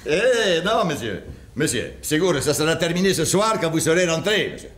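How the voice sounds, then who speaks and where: A man's voice: on the high side, very animated, moderate pace. A man putting on a fawning Spanish plumber voice. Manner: fawning, overly polite. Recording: roomy amateur recording with loud noise.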